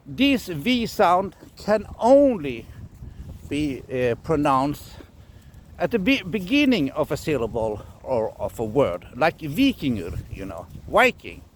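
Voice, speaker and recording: Halting man explaining runes. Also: on the high side. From Scandinavia. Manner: halting, repeats words, laughs often. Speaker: runologist teacher. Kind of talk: casual explanatory lesson.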